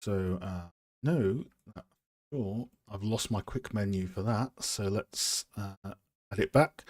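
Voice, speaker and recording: A man's voice: lowish voice, takes it slowly, a little mellow. A man hosting a casual live stream, chatting with viewers in a rambling, self-deprecating way while working on a model. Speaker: streamer and game art host.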